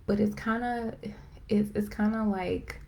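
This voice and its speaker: A woman hosting a live stream, chatting casually and excitedly with lots of fillers, rambling as she goes. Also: mid-range voice, vocal fry, a little hiss or hum. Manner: excited, self-described as talking fast. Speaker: host of a live video chat. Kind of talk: casual faith-based chat. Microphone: phone or computer for a live stream.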